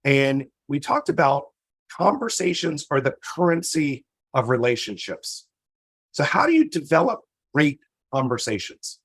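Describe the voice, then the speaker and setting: This energetic show opening comes from a podcast host who talks straight to his audience in an upbeat, motivational way even as his voice gives out. He speaks at a fairly high pitch, very animated yet a little slow, with a slightly bright, husky sound and no room echo.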